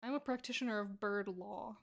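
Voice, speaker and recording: A woman's voice: mid-range voice, fairly quick, gravelly, fairly bright tone. A woman art streamer chatting casually and playfully while she draws, joking and laughing with her viewers. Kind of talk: casual chat while drawing.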